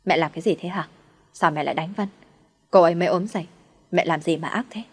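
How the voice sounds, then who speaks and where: A woman voicing a gentle young husband. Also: on the low side, fast talker, breathy edge. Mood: upset. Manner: soft, soothing.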